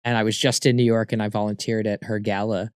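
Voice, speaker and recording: A man talking casually as an interview guest, a comedian telling stories in an animated way with emphatic repeats. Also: lowish voice, fast, clear, resonant tone, no room sound, clean studio sound.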